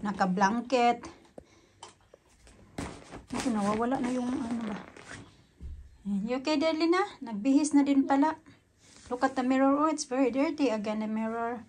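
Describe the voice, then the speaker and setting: Filipina mom chatting away at home on her phone, kinda high voice, roomy echo and noisy background. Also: moderate pace, pauses often, a little mellow. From Philippines. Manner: switches between English and Tagalog mid-sentence, chatty. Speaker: vlogger, mother. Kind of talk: casual home vlog chat. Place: home in the UK, kitchen and living room. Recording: echoey room with background noise.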